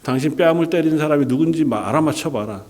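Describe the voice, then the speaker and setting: A pastor doing a sneering mocker. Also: male voice, on the high side, fast, darkish tone, close to an everyday voice. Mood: taunting. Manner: taunting, sneering. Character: jeering crowd of mockers, male. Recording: echoey church hall.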